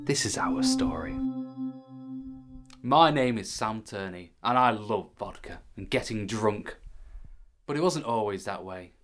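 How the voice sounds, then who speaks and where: A man's voice: on the low side, lively intonation, measured pace, pauses often, a bit bright, soft background music. An actor playing a young man who loves vodka, narrating his own story and getting annoyed at interruptions. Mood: wistful. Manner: exasperated storyteller, easily interrupted. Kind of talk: comic short-film acting.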